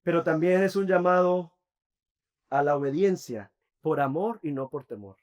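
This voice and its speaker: A man preaching a sermon as pastor, earnest, often dropping to soft, intimate tones. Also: on the high side, moderate pace.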